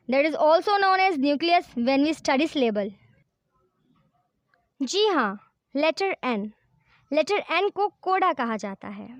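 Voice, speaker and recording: This English teacher, a woman with a high voice, gives a classroom-style grammar lesson in slow, careful English. She counts syllables aloud, spells words out letter by letter, and keeps checking in with "right?" The recording is dry.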